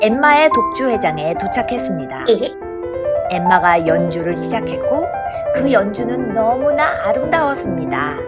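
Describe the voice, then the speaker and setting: A woman narrating a children's storybook in an expressive, dramatic way. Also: fairly high pitch, normal speed, loud music behind the voice.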